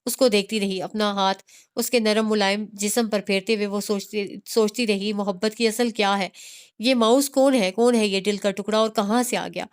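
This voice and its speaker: A woman's voice: mid-range voice, steady tone, smooth. Woman reading a novel aloud. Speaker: narrator.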